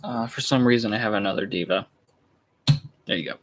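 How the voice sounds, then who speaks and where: A man's voice: on the low side, fairly quick, noisy background. A young man chatting casually while unboxing at home, laid-back and rambling with lots of fillers, keeping his voice down. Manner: keeps his voice down. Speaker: vlogger. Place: room at home with shelves.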